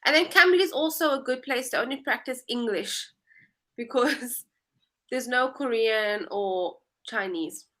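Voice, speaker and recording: Patiently explaining as an English tutor, a South African woman in her twenties talks casually on a video call. The voice is higher than average, a little slow, bright, and forceful in tone.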